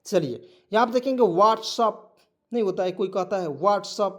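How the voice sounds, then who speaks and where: A man's voice: high voice, measured pace. Hindi-accented man teaching English, repetitive. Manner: repetitive, keeps asking "ठीक है" and quizzing; spells words letter by letter. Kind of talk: online spoken-English lesson.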